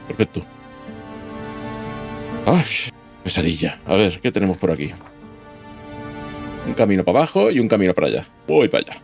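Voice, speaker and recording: A man's voice: sits low, big pitch swings, moderate pace, pauses often, a little mellow. A man giving casual gameplay commentary, chatting to himself as he plays and letting out sudden yelps. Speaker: gaming YouTuber. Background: game music.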